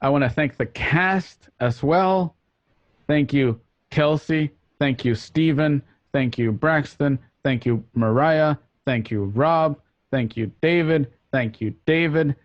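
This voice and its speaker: A man with a slightly high voice, taking his time, wraps up his online radio play show with a rambling, joking, chatty farewell to listeners. He's on a group call from home, and the recording is dry with the highs cut off.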